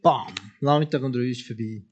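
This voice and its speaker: A man's voice: fairly high pitch, moderate pace, darkish tone, breathy edge, highs cut off. A man preaching a sermon, talking straight to his listeners and firing off repeated questions at them.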